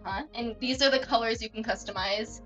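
A woman's voice: a little high, fairly even intonation, brisk, fairly bright tone, recorded from a distance. A woman hosting a casual game stream, chatty and giggly as she guides another player. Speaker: streamer host. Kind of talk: casual gameplay stream chat. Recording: dull lo-fi stream audio, off mic, faint music.

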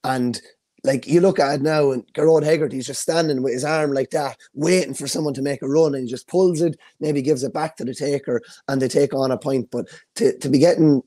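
A man's voice: mid-range voice, dark tone, dry recording, clean studio sound. A young Irish man on a video call, enthusiastically talking through hurling statistics. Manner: enthusiastic, stat-driven. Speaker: hurling analyst. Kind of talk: casual sports analysis.

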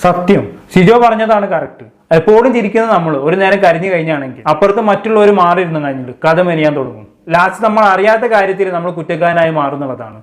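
A man's voice: sits high, expressive, fast, few pauses. A man giving a casual, chatty recap of a reality show and talking straight to his viewers. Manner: chatty, addresses viewers as kids. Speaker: show commentator.

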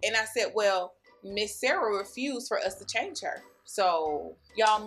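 Woman, sassy gossip, fairly high voice, comedy sketch monologue. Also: fairly bright tone. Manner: sassy, gossipy, chatty dialect delivery. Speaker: comedian playing a nursing home aide.

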